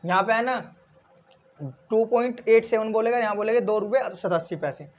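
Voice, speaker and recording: This maths explanation comes from a male teacher who works through each step, poses and answers his own questions, repeats the key ideas, and refers to his viewers as friends. His voice is high and his speed normal, heard on a slightly dull lo-fi recording.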